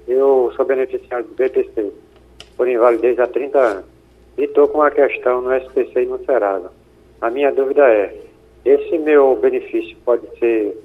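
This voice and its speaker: Polite husky caller on phone line. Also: male voice, mid-range voice. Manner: polite, formal.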